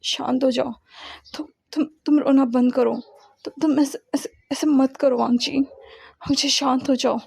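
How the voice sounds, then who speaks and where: A tender but resolute mother comforts her son in a low, breathy near-whisper, voiced by a woman. Her tone is high and mellow with a gravelly texture, and the sound is close and dry, like a storybook reading. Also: fairly even intonation, measured pace, dry recording, exaggerated voice. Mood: soothing, firm. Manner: soft, soothing, half whispered. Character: gentle, firm mother soothing her grown son.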